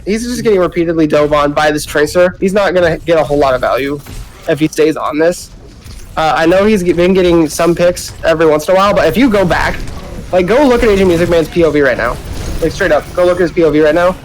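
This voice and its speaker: A man casting a game live in quick, casual play-by-play while his mic peaks into clipping distortion. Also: a little high. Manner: quick, casual, chatty calls. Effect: peaking mic with clipping distortion. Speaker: esports caster.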